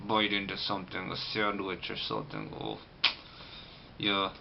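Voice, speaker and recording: A man talks with a sore jaw held shut, his words tight and restricted. He speaks casually and haltingly in a personal vlog style, often trailing off. The recording is dull and lo-fi, with clear noise behind him. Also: low-pitched, sing-song. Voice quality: restricted, tight-jawed articulation from a banded, sore jaw after surgery. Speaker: vlogger. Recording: muffled, lo-fi camera audio with clear background noise.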